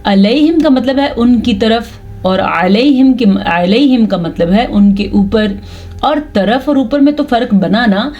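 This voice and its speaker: A woman teaching Quran recitation rules in Urdu. She explains each rule clearly, then recites the verses slowly and drawn out, with a Pakistani Urdu accent. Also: a little high, lively intonation, mellow, muffled recording. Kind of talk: patient step-by-step recitation lesson.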